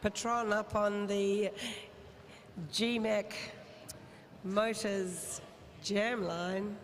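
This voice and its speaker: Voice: medium pitch, little pitch movement, drawn-out words, a little hiss or hum. A co-commentator giving chatty, jokey color commentary on a roller derby game. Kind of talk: live sports commentary. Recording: echoey sports hall with faint ambience.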